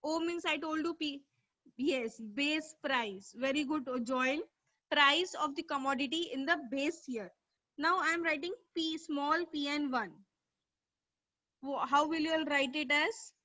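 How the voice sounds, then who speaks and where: A woman's voice: sits high, measured pace, sharp tone, no echo. A woman teaching an online economics class, quizzing students and praising them by name. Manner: asks questions and praises students by name from chat. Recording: dull, dry lo-fi mic.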